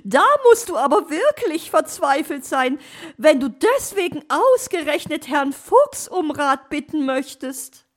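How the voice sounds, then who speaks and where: A woman voicing a chatty, bossy female magpie in a storybook, talking in a shrill, teasing way. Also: big pitch swings, unhurried.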